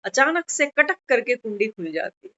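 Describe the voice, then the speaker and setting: A woman's voice: very animated, normal speed, a bit bright. A woman giving a devotional sermon, telling a parable and acting out the voices of a parent and a child. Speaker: spiritual speaker. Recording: dull, muffled low-fidelity recording.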